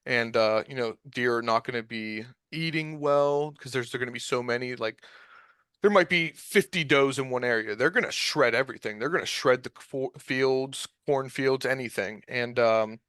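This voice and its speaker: A man's voice: medium pitch, normal speed, a bit bright, smooth, dry recording. A man in his twenties, a guest on a podcast, telling a hunting story in a casual, rambling way with lots of fillers. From Ohio. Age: 20s. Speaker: podcast guest, deer recovery drone operator.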